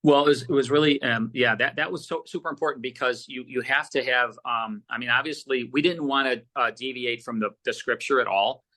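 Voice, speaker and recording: The audio is poor, and the medium-pitched man talks briskly with hardly any pauses. A producer guesting on an interview, he rambles casually through animated anecdotes, often quoting and acting out past exchanges.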